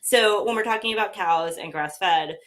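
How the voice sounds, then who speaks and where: Talking at a normal speed in a medium-pitched, slightly bright voice, a pet food company spokeswoman casually discusses her firm's meat sourcing in a conversational interview. She sniffles a little and peppers her speech with fillers and restarts.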